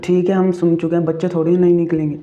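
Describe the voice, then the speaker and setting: A man's voice: a little high, level tone, fast talker, warm tone, muffled recording, a little hiss or hum. A man casually retelling a ghost story, chatty, checking in with the listener and asking questions as he goes.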